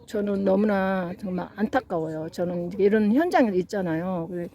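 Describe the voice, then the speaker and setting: A middle-aged woman lecturing on psychology and parenting in a mellow, darker tone. She tells her stories earnestly and acts out the quoted parents and children. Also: mid-range voice, moderate pace. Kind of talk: lecture with anecdotes.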